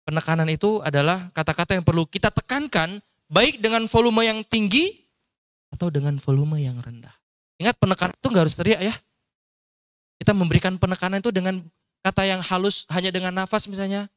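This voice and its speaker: At a training session held at an Islamic school, a man leads a casual public speaking workshop, explaining ideas and showing different tones vocally. His voice sits high and a little bright, in a clean studio recording without echo.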